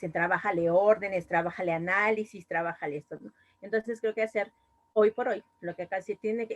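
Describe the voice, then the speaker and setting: A woman with a Mexican accent, a speech therapist giving a long, rambling comment on an online panel, full of fillers and restarts. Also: medium pitch. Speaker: speech therapist, audience participant. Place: video call.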